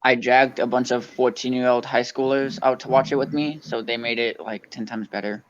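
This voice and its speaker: A man guests on a casual podcast, hesitating and restarting as he talks. His mid-pitched voice comes through somewhat dull and muffled. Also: fairly even intonation, moderate pace. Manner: hesitant, lots of ums and restarts. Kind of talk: casual chat.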